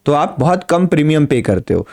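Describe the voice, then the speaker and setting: Very animated and fairly quick, this trading teacher has a fairly high, slightly mellow voice with vocal fry. He addresses beginners to camera, explaining patiently and repeating himself with simple everyday examples.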